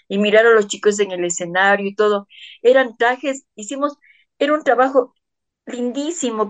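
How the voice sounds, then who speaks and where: A woman theatre artist recounts her experiences in an interview, earnest and heartfelt. Her pitch sits in an ordinary middle range. She slips into the voices of the people she remembers, and her sentences are full of fillers and fresh starts. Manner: earnest, acts out quoted dialogue, frequent fillers and restarts. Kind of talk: personal storytelling in an interview.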